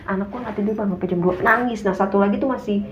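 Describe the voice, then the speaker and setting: A young woman tells a story in Jakarta slang at a quick clip. She is animated and acts out what people said. The recording is roomy and a little muffled. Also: medium pitch. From Indonesia. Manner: animated, acts out quotes in a raised voice. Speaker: guest. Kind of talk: casual storytelling. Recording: echoey room, dull sound, faint hum.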